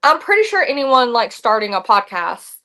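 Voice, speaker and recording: A young adult woman telling stories casually, lively and saying "like" often. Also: a little high, normal speed. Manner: animated, says "like" often, acts out quotes. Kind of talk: casual storytelling.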